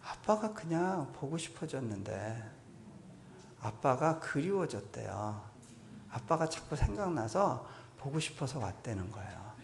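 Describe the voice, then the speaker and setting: A man preaching as a guest missionary at a church revival, telling a personal story in a conversational way. He peppers his speech with affirming interjections and sinks to a hushed voice in reflective moments. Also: medium pitch, sing-song, a little slow, gravelly, slight background noise. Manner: drops to a soft, hushed voice in reflective passages. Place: church sanctuary at a revival meeting.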